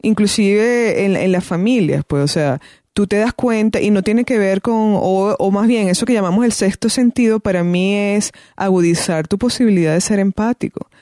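Speaking at a moderate pace with a medium pitch and dark tone, this parenting guest gives thoughtful, conversational advice, frequently restarting phrases and using fillers. The studio-quality recording has no echo.

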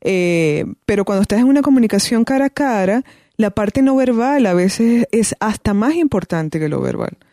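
A woman appears as a guest discussing parenting, offering conversational advice in a thoughtful way with many restarts and fillers. Her medium-pitched voice is expressive and warm at a normal speed, recorded with studio quality and no room sound.

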